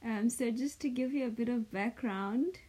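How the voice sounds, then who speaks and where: A South African woman from Limpopo whose first language is Sepedi co-hosts a casual podcast chat, speaking hesitantly with many fillers and restarts. Her voice is fairly high in pitch but dark in tone, at a normal speed, and the audio quality is poor.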